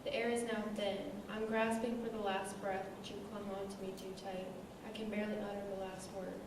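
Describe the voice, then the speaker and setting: A woman's voice: mid-range voice, level tone, fairly quick. A nervous young woman reading her poetry at a live open mic. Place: echoey indoor room, live reading. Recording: very echoey room, distant mic, clear noise.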